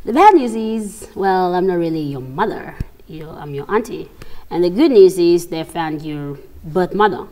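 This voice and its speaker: A young actress from South Sudan, talking in a casual studio interview and telling her story with quick laughs and acted-out quotes. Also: lowish voice, expressive, warm tone. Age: young adult. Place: TV studio set, seated on a sofa.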